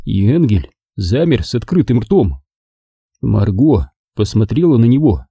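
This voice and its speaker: A man reading a story aloud as an audiobook narrator, expressive and lively. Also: mid-range voice, measured pace, slightly rough, no echo. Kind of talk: scripted narration.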